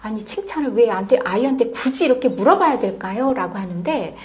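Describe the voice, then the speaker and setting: A woman giving parenting advice on a talk show, emphatic, swinging from loud stresses to hushed near-whispers. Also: fairly high pitch, lively intonation, fast talker, a little hiss or hum. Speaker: parenting expert guest.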